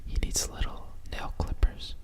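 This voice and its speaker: Slow whispered bedtime story, right in your ear. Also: distant mic. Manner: soft breathy whisper, unhurried and soothing. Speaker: storyteller reading a picture book aloud with asides.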